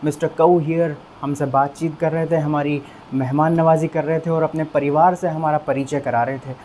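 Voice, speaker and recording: Guy teaching english words, mellow dark voice, chatty, says the word slow over and over, bit of background hiss. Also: fairly high pitch, fairly even intonation. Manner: calls listeners friends, repeats words slowly for drill; conversational, with frequent fillers. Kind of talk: explanatory online lesson.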